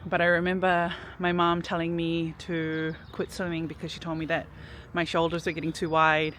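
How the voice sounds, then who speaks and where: A New Zealand woman vlogger, her voice on the low side and her pace moderate, chats reflectively about her personal story with frequent "like" fillers. She's recording outdoors in a city park, faint traffic audible behind her.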